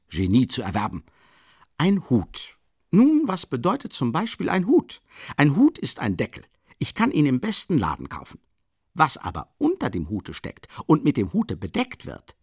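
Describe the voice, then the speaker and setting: A man's voice: medium pitch, gravelly, no room sound, studio quality, pitched above the performer's own voice, heavily acted. A man voicing a jovial, chatty middle-aged police lieutenant in an audiobook, effusive and rambling, stumbling over his words. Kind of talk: audiobook character reading.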